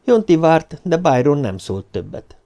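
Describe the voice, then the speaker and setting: A man narrating an audiobook in a calm, measured reading voice. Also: fairly high pitch, gravelly.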